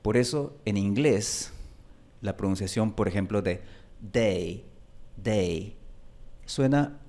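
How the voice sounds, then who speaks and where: A man teaching pronunciation in an unhurried, measured lesson. His voice sits fairly low, and he takes his time with each phrase. He carefully sounds out example words again and again so they can be heard clearly. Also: mellow. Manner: deliberate, repeats example words slowly for demonstration. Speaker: Spanish pronunciation teacher and channel host. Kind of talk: phonetics lesson.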